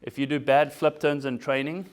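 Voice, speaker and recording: A keynote speaker, a South African man in his forties whose native tongue is German, gives a business audience a laid-back, self-deprecating pep talk peppered with "right?" His delivery is flat at a normal pace, medium in pitch, clear and resonant.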